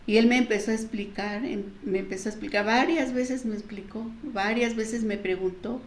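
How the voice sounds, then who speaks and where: A woman's voice: fairly even intonation, normal speed, reverberant. A middle-aged Mexican woman with a Mexican Spanish accent tells her personal testimony, acting out the voices in her story. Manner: storytelling, acting out quoted dialogue with pitch jumps. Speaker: church member giving testimony.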